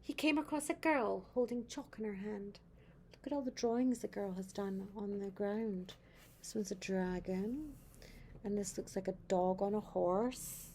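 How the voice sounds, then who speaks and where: A sweet older woman, a grandmother, reading a picture book to a small child in a gentle, grandmotherly way and pointing things out. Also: mid-range voice, measured pace, slight background noise.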